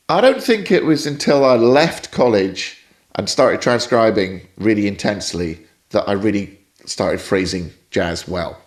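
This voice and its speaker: A guest on a podcast interview, this Scottish jazz saxophone teacher with a British accent answers in a considered, explanatory way and regularly drifts into tangents. His voice is medium in pitch.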